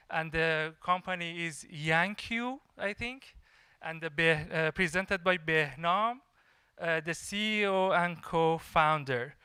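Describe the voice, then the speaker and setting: A man hosting a live event and introducing speakers in a halting, hesitant way with pauses. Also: sits high, bright, forceful tone, smooth, no room sound, clean studio sound.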